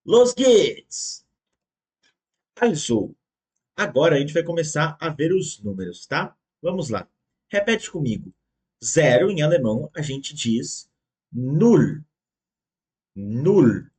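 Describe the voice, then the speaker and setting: A man teaches an online language lesson. He speaks slowly and patiently in a fairly high voice, repeating each word and checking in with the learner often. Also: sing-song, darkish tone. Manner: ends phrases with checking tags. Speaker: German teacher.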